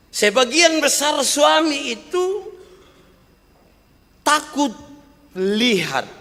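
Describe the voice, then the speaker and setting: A pastor preaching a sermon, swinging between loud bursts and quiet asides. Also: male voice. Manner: animated preaching, swings from shouts to low asides. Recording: long hall reverb.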